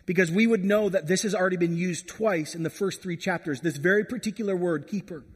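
A man's voice: high voice, fast talker, breathy edge. A man preaching a sermon as a pastor, earnest and storytelling. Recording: long hall reverb.

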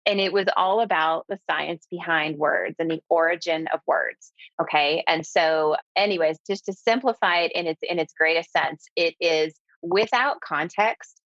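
A business owner from the southeastern United States is a guest in a conversational interview, speaking emphatically and repeating key words for stress. Her deep voice moves at a moderate pace with hardly any pauses and sounds a bit bright. There's no room sound, though the recording is muffled.

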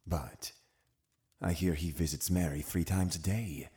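In a full-cast audio drama, an actor plays a cunning, zealous Puritan uncle, a menacing witch-hunting authority, and his phrasing is deliberate, commanding and condescending. His male voice is low and mellow, and the mood is scornful and brooding.

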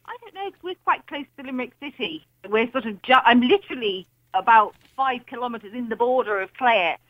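A woman's voice: a little high, animated, a little fast, no echo. A middle-aged woman with an English accent chatting casually as a caller to a radio phone-in. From England. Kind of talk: casual conversational anecdote. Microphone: telephone. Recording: dull lo-fi phone-in line.

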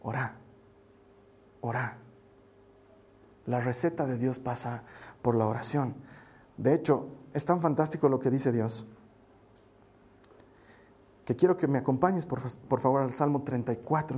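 A man preaching a sermon, acting out worried voices and dropping to soft, low prayers. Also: normal speed, long pauses, slightly rough. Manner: acts out worried voices, swings between loud emphasis and soft low prayer. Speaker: pastor.

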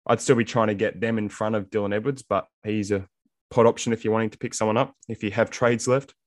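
A man's voice: fairly low pitch, fairly even intonation, quick pace, dry recording, clean studio sound. An Australian man giving casual fantasy sports analysis as a panellist on a rugby league show.

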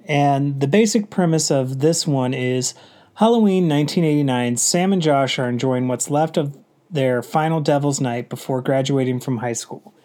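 A man's voice: mid-range voice, dark tone. A man hosting a casual horror film review, congested from a cold, talking in a rambling way with many fillers. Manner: rambling, filler-heavy delivery.

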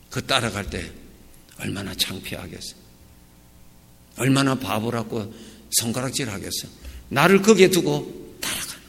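A man preaching a sermon as a pastor, lively and emphatic, with loud peaks and quiet asides. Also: medium pitch, gravelly. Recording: reverberant church hall.

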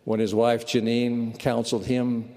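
A man giving a sermon at a church conference, measured and earnest. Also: mid-range voice, level tone, mellow. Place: large conference hall. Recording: long reverb of a large hall.

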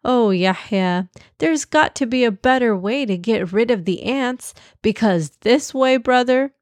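A calm, sensible young giraffe sister talks slowly and patiently, gently scolding, as a woman storyteller puts her on. The sound is close and dry, with no room behind it. It is a children's audio story. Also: a little high, dry recording. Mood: reasoning.

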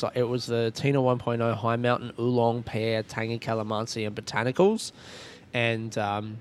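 An Australian man with a medium-pitched voice records a casual podcast intro on a ferry. He talks informally and rambles like he is chatting to a listener, with clear boat ambience around him. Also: a little hiss or hum. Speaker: podcast host.

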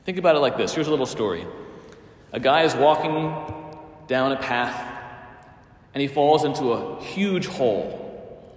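A man's voice: medium pitch, animated, moderate pace, long pauses. A man preaching a sermon as a priest, telling a story with emphatic phrasing in a church. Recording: echoey church with long reverb.

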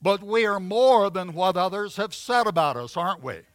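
Guy giving a sermon, kinda high voice, lots of uhs and restarts, dry close sound. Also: lively intonation, no echo. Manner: halting, many fillers and restarts. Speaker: pastor. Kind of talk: sermon with personal storytelling.

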